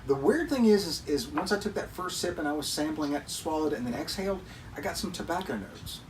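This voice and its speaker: A man's voice: a little high, animated, quick pace. A man co-hosting a casual whiskey review, describing tasting notes in detail. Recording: distant mic, noisy room.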